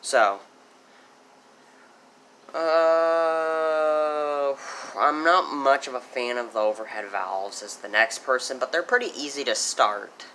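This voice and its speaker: A teenage boy talks through his finds in a casual, rambling way, often stopping to correct himself. His voice is bright and sharp. He records on a handheld phone with faint noise behind him. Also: mid-range voice, takes it slowly, long pauses. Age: teens. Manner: rambling, self-correcting, easily excited. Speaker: small engine vlogger. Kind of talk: casual vlog.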